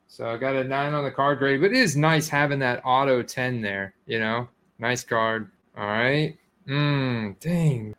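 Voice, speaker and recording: A man hosting a casual card-opening video, talking straight to his viewers and breaking into excited exclamations as he goes. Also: medium pitch. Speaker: sports card collector host. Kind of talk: casual unboxing chat to viewers.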